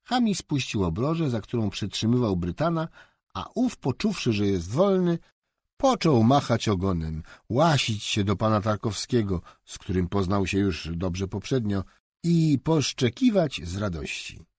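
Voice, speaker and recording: A man narrating a storybook slowly and expressively, with a lively intonation, recorded close on a studio mic. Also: lowish voice, husky, no echo. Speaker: audiobook narrator.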